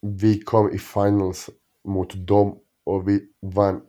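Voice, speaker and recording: Middle-aged guy, chatty storyteller, lots of restarts and acted-out quotes. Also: lowish voice. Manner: animated anecdotes with frequent restarts and "jag bara" quoting. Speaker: interview guest, former basketball player. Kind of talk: casual storytelling.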